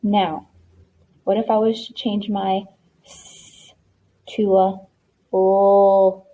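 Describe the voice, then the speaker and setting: A woman's voice: medium pitch, level tone, unhurried. A woman teaching a spelling lesson, patient and encouraging, sounding out letters one by one. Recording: tinny lo-fi phone-like sound.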